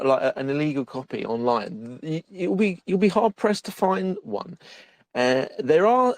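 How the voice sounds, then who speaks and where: A man's voice: on the high side, dry recording. A man co-hosting a podcast that reviews bad films, talking casually, laughing often and restarting his sentences. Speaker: podcast co-host. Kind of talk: casual film-review chat.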